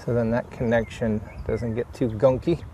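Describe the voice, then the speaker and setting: A man with a medium-pitched voice talks at normal speed in a flat delivery, with background noise behind him. He's a DIY vlogger demonstrating a vehicle repair, narrating casually as he works and thinking aloud in short, plain, unscripted remarks.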